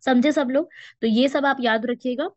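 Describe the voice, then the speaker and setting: A woman's voice: high-pitched, normal speed, darkish tone, no echo. A woman teaching a current affairs lesson for exam students, explaining step by step and asking rhetorical questions. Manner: explanatory, with frequent rhetorical questions and check-ins. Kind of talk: exam-prep lecture. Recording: dull, dry lo-fi.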